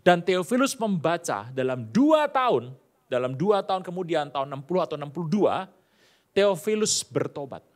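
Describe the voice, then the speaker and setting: A middle-aged male pastor delivering a sermon, telling stories with animated, acted-out dialogue. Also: on the high side, moderate pace.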